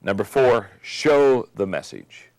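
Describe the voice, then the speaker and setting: An older man giving a motivational leadership lesson, emphatic and repeating key phrases, slowing down for effect. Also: medium pitch, very animated, a little mellow, no room sound. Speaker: leadership teacher. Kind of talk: motivational teaching talk.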